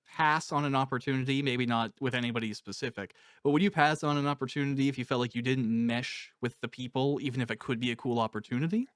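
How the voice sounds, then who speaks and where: A podcast host conducts a casual interview, rambling informally as he thinks out loud. His voice is medium-pitched, and there is no echo.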